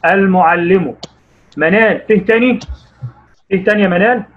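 Man, Egyptian Arabic accent, primary school teacher, online class, quizzing pupils by name, fast talker, dull online call audio. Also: sits high. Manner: encouraging, quizzing pupils by name, drawing words out slowly.

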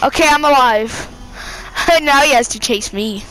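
A woman giving casual, excitable gameplay commentary, giggling often, talking to her viewers and yelling at other players. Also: sits high, unhurried. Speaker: gameplay streamer.

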